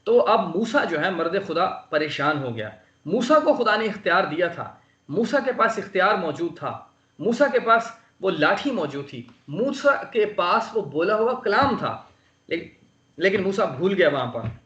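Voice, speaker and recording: A man's voice: high voice, sing-song, a little slow, a bit bright. A man from Pakistan preaching an earnest, emphatic sermon over an online call. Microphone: online call microphone. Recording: roomy, dull lo-fi online call audio.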